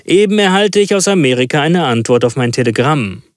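A man voicing a calm, precise detective in a storybook reading, giving instructions. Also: a little high, a little fast, no room sound, studio quality, pitched above the performer's own voice, lightly acted. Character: calm, commanding male detective.

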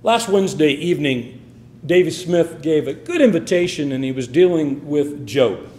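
High-voiced, emphatic preacher man. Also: moderate pace, darkish tone, roomy sound. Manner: emphatic, rising and falling delivery. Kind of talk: sermon.

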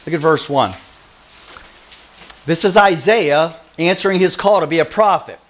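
A man's voice: fairly high pitch, a bit bright. A man preaching an expository sermon, reading scripture aloud and repeatedly quizzing his listeners on key words. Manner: reads scripture aloud with slow stress. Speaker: Bible teacher.

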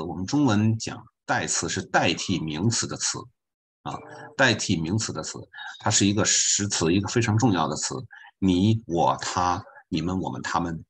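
A low-voiced man with a husky, slightly rough tone teaches a beginner class over an online call. He talks patiently and conversationally, repeating key points and dropping in small asides as he goes. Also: expressive, moderate pace. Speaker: volunteer French teacher.

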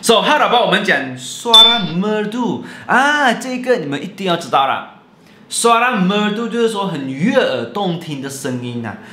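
A man, teaching a playful video lesson in an animated, jokey way and mixing in English and Malay words. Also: sits high, normal speed. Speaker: language teacher. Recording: roomy echo.

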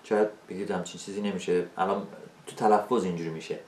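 A man with Persian as his first language teaching an English video lesson, asking rhetorical questions and slowing down for spoken examples. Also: low-pitched, fairly even intonation, a little mellow, reverberant, a little hiss or hum.

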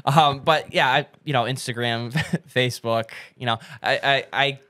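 A man's voice: medium pitch, normal speed, pushed and bright, dry recording. A young man, a podcast guest, telling a story in casual chat, acting out quotes and laughing often.

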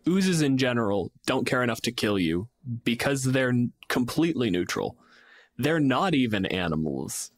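In a sing-song, medium-pitched voice at normal speed, a podcast co-host who is also a game master trades opinions casually and bluntly, swearing often. The clean studio recording has no echo.

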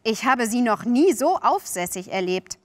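A woman's voice: on the high side, very animated, a little slow, dry recording. A woman voicing a cocky, sly boy who coaxes and boasts. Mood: coaxing. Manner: boastful, coaxing, offhand.

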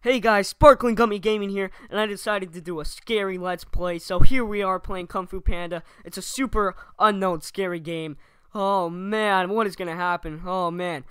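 A man's voice: high-pitched, steady tone, normal speed, fairly bright tone, clear, resonant tone, dry recording. A man playing a scared horror game streamer, overdramatic and foul-mouthed, with fake panic in a parody Let's Play. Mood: nervous, hyped. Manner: exaggerated screaming, heavy swearing, fake panic.

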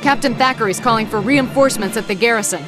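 An urgent female soldier from a video game, voiced by a woman reports to her sergeant in a fairly high voice. Loud game music runs under her. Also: brisk, natural voice.

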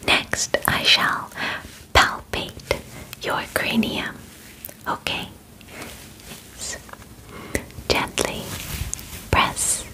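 A young adult woman, an ASMR performer, whispers softly and breathily into a close, out-of-frame microphone during an examination roleplay. She's slow, calm, and clinical, using formal phrasing, in a small indoor bedroom, and the audio is poor.

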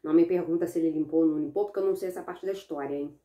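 A woman with a Brazilian accent telling a children's story in an expressive, animated way. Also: low voice, racing. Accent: Brazilian Portuguese. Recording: echoey room.

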